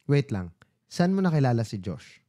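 A man's voice: medium pitch, very animated, moderate pace, dark tone. A man from the Philippines hosting a casual interview, chiming in with short acknowledgements and clarifying questions. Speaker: host.

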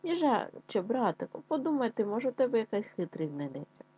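A woman's voice: medium pitch, lively intonation, a little fast, dark tone, breathy edge, dull audio. A woman voicing a sly, chatty female fox in a children's tale. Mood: frightened, pleading.

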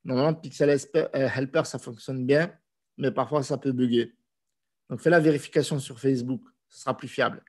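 Fairly quick and mid-range, his voice comes through a desk microphone on a video call from a small room. A man in his thirties with a cold, he casually answers viewer questions on a live stream in a relaxed, conversational way with frequent hesitations.

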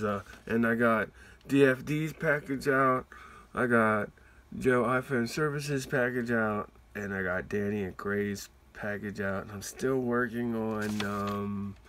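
Male vlogger, mid pitch, excitable and rambling, home recording with a faint noise floor. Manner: excitable, laughs often, lots of fillers. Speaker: card collecting YouTuber. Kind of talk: casual mail-day vlog.

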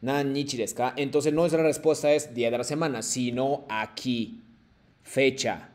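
A man's voice: medium pitch, fairly even intonation, normal speed, a little mellow. A man teaching a Japanese class, switching between Spanish and Japanese, who patiently repeats phrases and models them for his students. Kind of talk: online language class, mixing Spanish and Japanese.

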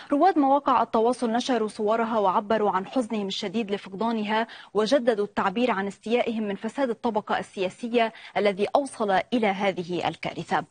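A woman news reporter narrating a segment in a formal, measured reading tone. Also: on the high side, no room sound.

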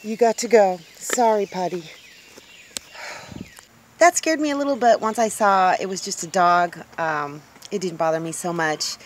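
A woman's voice: medium pitch, unhurried, slight background noise. Rambling woman vlogging outdoors. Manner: rambling, with frequent ums and restarts. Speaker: homestead vlogger. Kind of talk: casual vlog talk to camera. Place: outdoors on a homestead porch. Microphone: handheld phone camera at arm's length.

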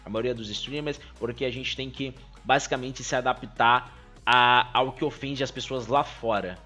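A man's voice: mid-range voice, fairly even intonation, normal speed, pushed and bright, faint music behind. A young man with a Brazilian Portuguese accent, a streamer giving his opinion in casual commentary, earnest and full of fillers and restarts. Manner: earnest, fills speech with "cara" and "né", restarts often.

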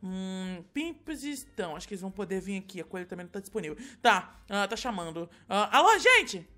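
A young man with a Brazilian Portuguese accent hosting a playful Minecraft roleplay, animated and whiny. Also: high-pitched, brisk, faint music behind. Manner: animated, jumps between whining and joking.

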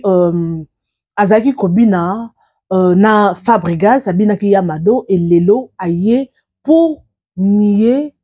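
A woman's voice: mid-range voice, mellow, dull audio. A woman giving casual, rambling commentary as a celebrity news vlogger, often repeating and restarting her words.

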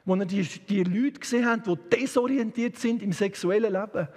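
A man's voice: high-pitched, normal speed, a little mellow, in a large hall. A man with a Swiss German accent preaching an impassioned, emphatic sermon in a church. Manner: impassioned, emphatic, with sudden shifts of pace. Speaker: guest preacher.

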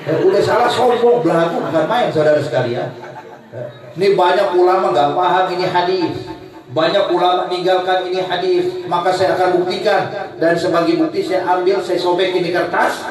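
A man's voice: high-pitched, brisk, recorded from a distance. A man from Indonesia preaching to a congregation, telling a humorous story and often addressing the listeners directly. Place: large hall with a live audience. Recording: echoey hall mic from afar with crowd.

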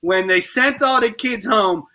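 A man's voice: high-pitched, unhurried, pushed and bright. A middle-aged man hosting a casual panel chat, joking and rambling with many fillers. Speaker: talk show host.

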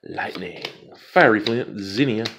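A man's voice: lowish voice, unhurried, background noise. A man casually talking viewers through opening card packs, rambling and amused at himself. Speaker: card pack opening vlogger. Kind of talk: casual unboxing commentary.

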